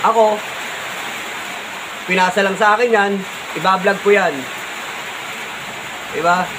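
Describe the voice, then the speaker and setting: A man with a Filipino accent answering a critic in his vlog, calm but insistent, repeating his points and tagging "diba?". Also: high-pitched, unhurried, noisy background. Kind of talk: spoken reply vlog.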